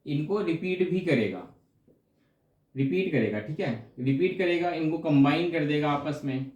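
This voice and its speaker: A man's voice: on the high side, a little slow, darkish tone, lo-fi sound. Male teacher, echoey room. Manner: explanatory, repeats points with frequent check-ins. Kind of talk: exam-prep lecture.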